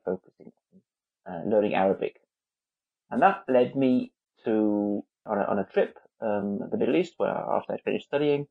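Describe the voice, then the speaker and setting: Narrow, tinny audio carries a fairly low male voice with vocal fry. The speaker, a newspaper's head of visuals, is an Englishman in his forties appearing as a guest on an interview podcast. He keeps restarting and using fillers in this conversational interview.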